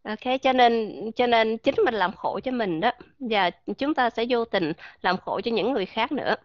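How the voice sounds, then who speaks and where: A woman teaching English pronunciation in a live online class, encouraging and slowly repeating words as drills. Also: a little high, lively intonation, dry recording, dull audio. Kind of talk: live online voice-chat lesson.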